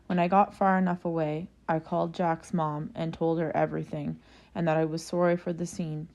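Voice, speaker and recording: A woman narrates a first-person forum post in a steady storytelling read. Her voice sits a little low. She keeps an even narrating manner throughout. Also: gravelly.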